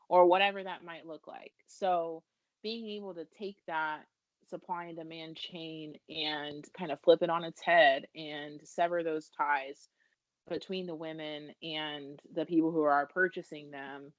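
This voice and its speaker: A woman's voice: low voice, no room sound, muffled recording. A woman from the United States in her thirties, a business founder talking casually and earnestly in a podcast interview, laughing now and then. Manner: earnest, self-deprecating, laughs while talking.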